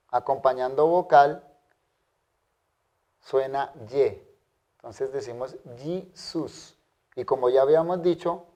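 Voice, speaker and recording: A man teaching a language lesson, modeling pronunciation carefully and repeating words slowly for his students. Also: on the high side, warm tone. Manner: careful, drawn-out pronunciation drills. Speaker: Greek teacher. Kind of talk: slow, deliberate language lesson.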